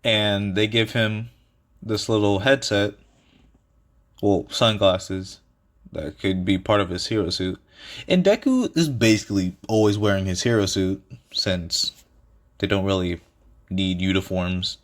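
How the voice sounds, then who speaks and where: A man's voice: on the low side, unhurried. A man casually improvising a fan story, rambling with many fillers and restarts and chuckling at his own ideas.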